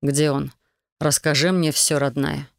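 Slow, menacing dragon done by the narrator, low growl, dry close sound. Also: level tone, gravelly, dry recording. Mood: tender. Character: furious male dragon, a possessive lover.

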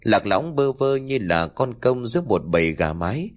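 A man narrating a ghost story in an expressive, dramatic storytelling style. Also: mid-range voice, normal speed. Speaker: audiobook narrator.

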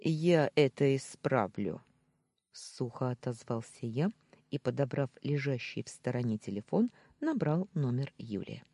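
A man narrating a first-person novel in an unhurried, dramatic reading voice. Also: mid-range voice, lively intonation, dark tone, no room sound. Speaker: audiobook narrator.

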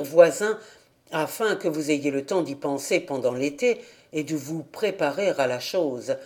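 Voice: mid-range voice, darkish tone, natural voice. A reader doing an earnest village pastor. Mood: firm. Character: earnest village pastor, middle-aged man. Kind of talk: audiobook character reading.

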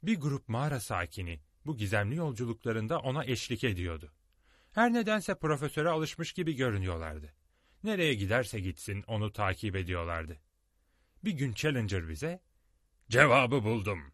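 A man narrating a storybook audiobook in an expressive, dramatic way, recorded on a close studio mic. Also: mid-range voice, moderate pace, no room sound.

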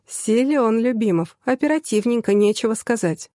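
A woman's voice: a little high, lively intonation, normal speed, warm tone, no echo, clean studio sound, lightly acted. A woman voicing a blunt, mocking young woman, the narrator's sister, with a wry, outspoken manner, in an audiobook reading.

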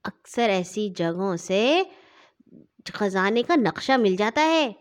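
A woman's voice: medium pitch, lively intonation, lightly acted. A woman voicing a clever, slightly bossy boy in a children's storybook, with a know-it-all manner. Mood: musing.

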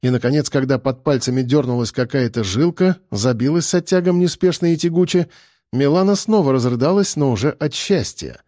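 A man reading a novel aloud as an audiobook narrator, in an even, measured way. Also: medium pitch, dry recording, clean studio sound. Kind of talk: scripted narration.

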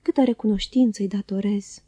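A woman's voice: medium pitch, fairly even intonation, dry recording, close to an everyday voice. Uriah Heep, an oily fawning clerk, as a woman reads him. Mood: oily humble. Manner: oily, unctuous, soft-spoken. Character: fawning scheming young male clerk, falsely humble.

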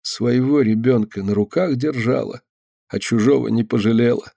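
A man's voice: medium pitch, normal speed, creaky, warm tone, dry recording, studio quality. A man voicing a grieving, stern woman. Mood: sorrowful. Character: grieving devout woman, quiet and firm.

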